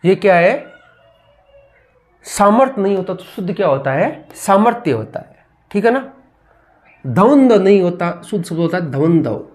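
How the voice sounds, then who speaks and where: A man's voice: high-pitched, big pitch swings, moderate pace, pauses often. A man teaching a grammar lesson, calling out a word, asking what it is and answering himself over and over. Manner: drills word spellings with repeated questions and answers.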